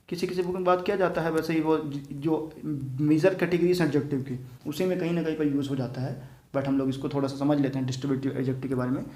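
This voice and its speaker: Guy from chhattisgarh giving a grammar lecture, slightly high voice, echoey room, patient explainer. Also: a little mellow. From Chhattisgarh, India. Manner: explains patiently, keeps adding tag questions to check understanding. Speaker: teacher.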